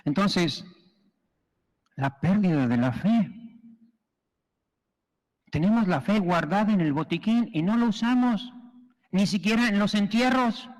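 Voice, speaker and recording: A priest preaching a sermon and telling stories with humor in an animated way, in a long church reverb. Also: male voice, high voice, unhurried, pauses often.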